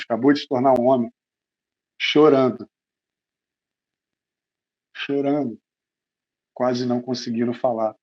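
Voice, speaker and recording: A man's voice: medium pitch, a little mellow, dull audio. A middle-aged man with a Brazilian Portuguese accent preaching, telling an emotional personal story to his congregation. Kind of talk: sermon testimony.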